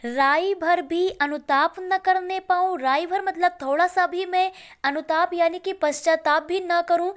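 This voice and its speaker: A woman with a high, clear voice teaches an online literature lesson. She reads each verse aloud slowly and then breaks it down in plain, patient explanation. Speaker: Hindi teacher. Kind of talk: explaining a poem line by line.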